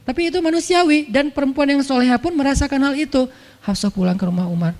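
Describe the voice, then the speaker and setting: A male preacher giving a casual, storytelling sermon, colloquial and lively, acting out the people in his story. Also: extremely high pitch, fast talker. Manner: colloquial, lively, acts out characters' voices. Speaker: Islamic preacher. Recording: long hall reverb.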